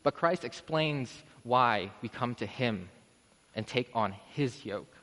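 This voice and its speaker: Speaking slowly with a mid-range, slightly bright voice and lively inflection, this man preaches in a relaxed, chatty way. He breaks off and restarts sentences before building to forceful peaks, picked up by a podium mic in a sanctuary with lengthy reverb.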